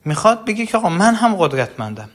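A parenting educator gives an earnest talk, using everyday examples and speaking straight to the listener. His voice sits high and is very animated.

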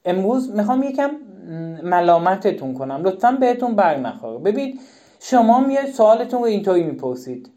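A woman's voice: medium pitch, very animated, mellow. A woman giving a live-stream talk to parents, emphatic and repeating her key questions. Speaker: parenting educator.

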